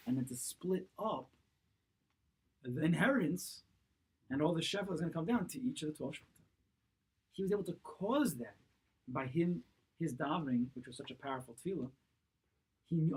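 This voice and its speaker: The speaker is a rabbi in his thirties explaining a text in a Torah class, sitting at a table in a small synagogue study room. His medium-pitched voice sounds darkish and slightly rough as he questions, self-answers, and repeats key phrases. A camera a few feet across the table captures it in poor audio.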